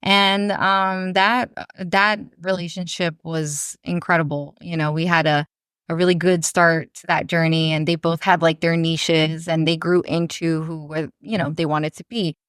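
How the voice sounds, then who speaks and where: Smooth-voiced woman from Brazil, chatty guest. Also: deep voice, little pitch movement, measured pace, dry recording, studio quality. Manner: rambling, warm, full of "you know" fillers. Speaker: podcast guest, business owner. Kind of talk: casual interview chat.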